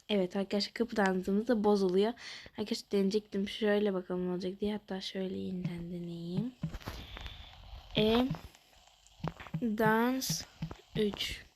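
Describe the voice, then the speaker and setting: A woman giving casual commentary on a game, chatting to her viewers and often dropping into a low murmur. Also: a little mellow, a little hiss or hum. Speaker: gaming youtuber.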